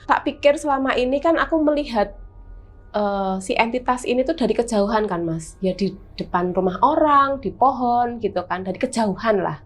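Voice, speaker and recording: A woman with a Javanese accent, a guest telling her own horror experience in casual chat, animated and vivid with lots of fillers. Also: on the high side, moderate pace. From Semarang, Central Java, Indonesia.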